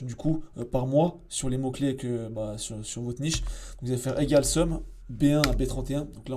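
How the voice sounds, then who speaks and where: Man tutorial host, mellow dark tone, relaxed slangy delivery at a desk mic. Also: mid-range voice. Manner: casual, chatty, slangy, with many fillers and asides. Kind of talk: casual screen-share tutorial.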